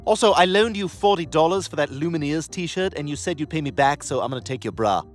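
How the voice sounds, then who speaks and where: A man's voice: fairly high pitch, lively intonation, fast talker, music in the background, close to an everyday voice. Stewie, a posh theatrical cartoon baby voiced by a man. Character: precocious scheming baby boy with an adult voice. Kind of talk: animated sitcom voice acting.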